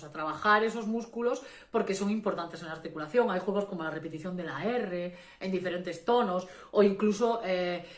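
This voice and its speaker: A woman with a Spanish accent talks through a theatre lesson in a loose, unscripted way. She hesitates often, restarts her phrases and fills gaps with "eh". Her voice sits at a middle pitch, and the room around her is roomy and echoey. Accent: Spanish from Spain. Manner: hesitant, many fillers and restarts, explanatory. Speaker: theatre workshop instructor. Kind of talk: informal spoken lesson.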